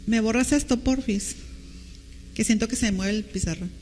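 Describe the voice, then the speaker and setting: A woman's voice: on the high side, normal speed, a little mellow, long reverb tail, a little hiss or hum. A woman pastor with a Mexican Spanish accent, preaching a teacherly sermon and asking the congregation questions. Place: church hall with long reverb.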